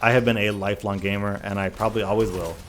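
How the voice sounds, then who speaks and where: A man's voice: fairly low pitch, flat delivery, quick pace, a bit bright, a little hiss or hum. A man talking casually and earnestly in a Q&A gaming vlog, stressing his points with repeated, emphatic phrases. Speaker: YouTube gaming content creator. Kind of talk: casual Q&A vlog talk, reading questions and answering.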